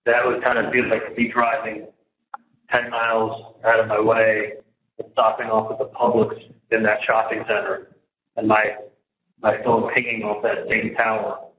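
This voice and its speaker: A man's lowish, monotone voice comes through a jail phone handset at a moderate pace, over a muffled, echoey, noisy connection. He talks casually and at length in a rambling private call. He's emphatic and repetitive and often drifts off mid-sentence.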